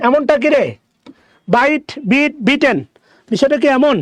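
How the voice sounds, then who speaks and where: A man with a very high-pitched voice teaches a grammar lesson, explaining the answers and slowly repeating each word for his students. The recording has no room sound.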